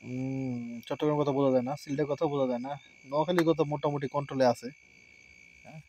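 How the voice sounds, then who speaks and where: A man's voice: medium pitch, steady tone, racing, warm tone, a little hiss or hum. A man with a Barishal-area accent, chatting casually to camera while cooking at home, who often adds short affirmations. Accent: Barishal-area Bangla. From Barishal area, Bangladesh. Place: rural home at night, outdoors.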